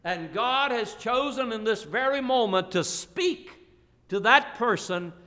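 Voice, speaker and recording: A man preaching a sermon as pastor, slow emphatic drawn-out phrases and folksy asides. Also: very high-pitched, lively intonation, sharp tone. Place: church auditorium. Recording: long reverb of a church hall.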